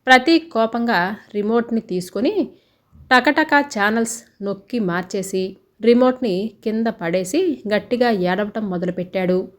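A woman narrates a story aloud at an ordinary middle pitch. Her reading is steady and even, and she lifts her voice a little only when quoted speech comes up. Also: a little slow.

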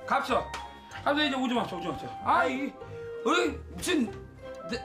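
A man's voice: very high-pitched, big pitch swings, normal speed, music in the background. An actor in a sitcom playing a man with a Jeju accent who brusquely waves someone off. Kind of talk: sitcom acting in Jeju dialect.

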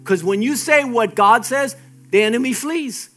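Pastor guy preaching hard, real high voice, keeps repeating himself, faint music behind. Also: normal speed, a bit bright. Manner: emphatic, exhorting, repeats phrases. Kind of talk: sermon.

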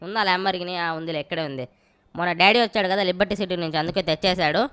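A woman's voice: on the low side, fast, a bit bright, smooth. A young woman giving casual, rowdy, playful gameplay commentary and swearing freely. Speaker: gaming channel host.

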